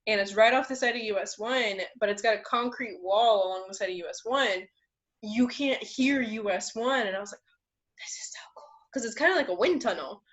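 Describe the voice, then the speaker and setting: A young woman co-hosting a casual home podcast, chatting bluntly and telling stories with a joking edge, and she says her voice is deep for a woman. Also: fairly quick, fairly bright tone. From Florida. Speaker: podcast co-host. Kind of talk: casual chat. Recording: muffled lo-fi home recording.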